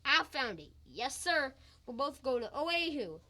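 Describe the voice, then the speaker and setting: A young actress in a school radio play voicing a boastful, excitable husband who bickers and brags loudly. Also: female voice, high-pitched, heavily acted. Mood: scheming. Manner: loud, exclamatory, quick to boast and bicker. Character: blustering boastful husband, excitable get-rich schemer. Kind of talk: old-time radio comedy acting.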